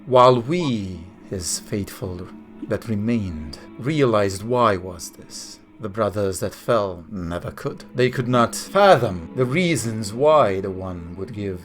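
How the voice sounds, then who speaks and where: Stern wise archangel, formal and slow, played by a man at the table. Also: lowish voice, expressive, soft background music, voice pushed down. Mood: solemn. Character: grave ancient male archangel, wise and stern.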